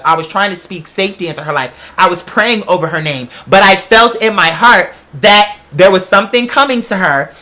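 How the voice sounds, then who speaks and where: At a middle pitch, a very bright and forceful voice recounts a personal story in conversation. The telling is candid and informal, peppered with slang and the occasional swear word, and key phrases are repeated for emphasis.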